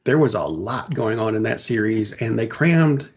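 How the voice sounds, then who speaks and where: A middle-aged man co-hosting a casual podcast, rambling and correcting himself, clearing his throat often. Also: lowish voice, expressive, normal speed, muffled recording, noisy background. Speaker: podcast co-host. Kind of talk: casual chat about comic book films and shows.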